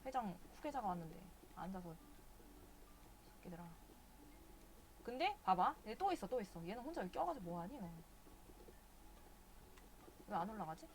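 A woman's voice: mid-range voice, big pitch swings, a little fast, long pauses, slight background noise. A woman streaming a video game live, chatting casually and cursing at the characters in exasperation.

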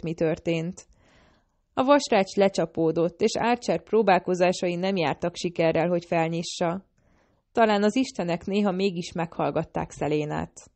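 A woman narrates an audiobook in a steady, measured way. Her voice sits a little low for a woman. She keeps an even storytelling pace.

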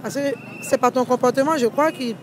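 A young woman holds a handheld microphone on a city street at night and quizzes passers-by, repeating and rephrasing her questions as she goes. Her voice sits a little high, and steady street noise runs under it. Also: fairly quick. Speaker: street interviewer. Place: city street at night beside parked cars.

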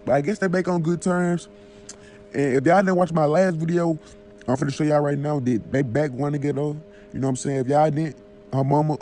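A man speaks through a voice changer that lifts his pitch a little. His tone stays soft and mellow as he rambles casually to his viewers. Faint noise sits under the voice. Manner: loose, rambling, asks viewers if they follow. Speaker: vlogger. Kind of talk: casual gossip chat to camera.

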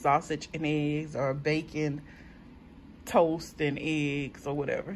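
Lady vlogger, chatty and slow, lots of ums, little bit of background hum. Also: deep voice, a little mellow. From South Carolina. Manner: chatty, unhurried, many ums, addresses viewers as y'all. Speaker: vlogger showing a grocery haul. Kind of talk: casual chat to viewers.

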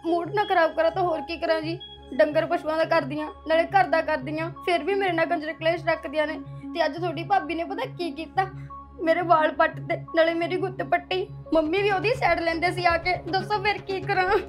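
A woman's voice: very high voice, fairly even intonation, brisk, faint music behind. A woman playing an aggrieved young daughter-in-law. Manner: plaintive, complaining.

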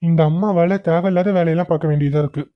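Woman voicing a young cartoon son, uneasy, grumbling, lowish voice, quick. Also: steady tone, lo-fi sound, natural voice. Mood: doubtful. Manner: grumbling, doubtful.

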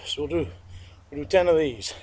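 A slightly high, darkish voice with a breathy edge comes from a middle-aged fitness instructor working out on his backyard lawn at a moderate pace. He sniffles from allergies, speaks plainly, repeats himself, and calls out his reps, recorded by a camera mic set far away.

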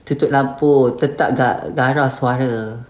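Her voice very deep, slow and darkish, with fairly even intonation, a Malaysian Malay-accented influencer hosts a live stream. She reads out viewer comments and replies bluntly, mixing in English words, in an echoey, roomy space.

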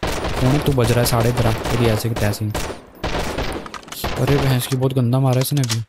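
A young man giving excitable, swearing live commentary while playing a survival shooter. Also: medium pitch, normal speed, heavy background noise. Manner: excitable, swears at enemies, keeps up a running commentary. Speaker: gaming YouTuber. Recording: gunfire from the game behind.

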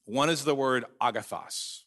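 A man preaching a sermon as pastor, earnest and emphatic, slowing down to read scripture aloud. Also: medium pitch, fairly bright tone. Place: church sanctuary.

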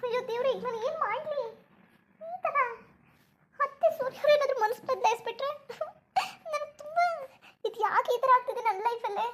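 A woman's voice: extremely high pitch, fairly quick, fairly bright tone. Woman voicing a fretful young wife. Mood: distraught. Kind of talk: cartoon voice acting.

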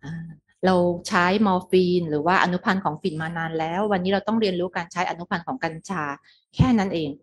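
A woman's voice: on the low side, fairly even intonation, fast, breathy edge. A middle-aged woman giving a medical lecture, explaining step by step with English terms and frequent polite particles.

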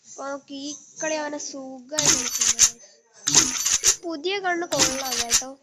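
High-pitched Malayali woman streamer, Malayalam-English mix. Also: moderate pace. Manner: mixes Malayalam with English words, often addressing viewers as guys. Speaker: game live streamer. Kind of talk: casual live gaming commentary. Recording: very noisy live stream with clicks.

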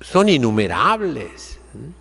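An older man, a priest, preaching a seated sermon in a chapel, slow and emphatic, with sweeping rises and drops. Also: mid-range voice, huge pitch swings, creaky, fairly bright tone, slightly rough, big-room sound. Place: chapel sanctuary, seated by the altar.

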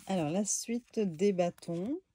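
In a very noisy recording, a woman talks slowly in a fairly low voice while reviewing a tarot deck for viewers at home. Her tone is easygoing and chatty, full of fillers and small asides.

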